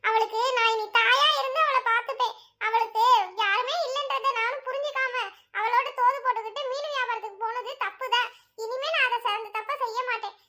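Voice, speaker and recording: A woman's voice: very high voice, pushed and bright. Woman doing an earnest protective cartoon friend. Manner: earnest, promising.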